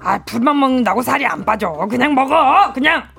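A woman playing a grumbling middle-aged father in a comic radio sketch, with a gruff, scolding way of talking. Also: high voice, fairly quick, a bit bright, faint music behind, heavily acted. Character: grumpy middle-aged father at a family barbecue.

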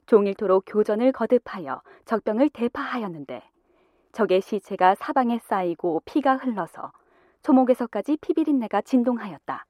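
A woman's voice: a little high, lively intonation, normal speed, darkish tone, no room sound, studio quality. A woman reading scripted narration for a historical drama.

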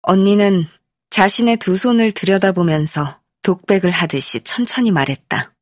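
A woman narrating a first-person literary audiobook in a measured, expressive way, in a studio. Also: medium pitch, no room sound. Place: recording studio. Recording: dry studio.

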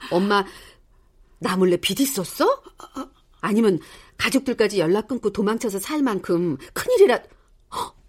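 A woman's voice: mid-range voice, normal speed, pauses often, breathy edge. A middle-aged woman playing an emotional, talkative daughter who is overjoyed to find her mother again, in an audio drama. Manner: emotional, chatty, animated.

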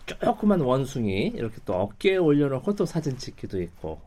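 An older man from South Korea, in his sixties or above, speaking as a radio interview guest in a halting, rambling way. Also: mid-range voice, sing-song, a crowd in the background. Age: 60s or older. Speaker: studio guest, company head.

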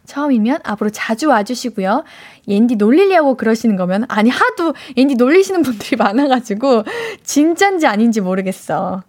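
A woman hosts a live radio show from a studio, reading out listener messages on a studio microphone. Her voice sits fairly high, and she talks in a playful, teasing way, often slipping into cute baby-talk. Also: animated, brisk, a little mellow.

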